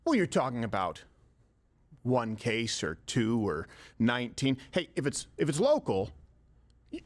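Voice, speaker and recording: A man's voice: medium pitch, wildly swooping pitch, unhurried. A man delivers scripted commentary in an everyday mid-range voice. He argues his point persuasively and throws rhetorical questions at the listener.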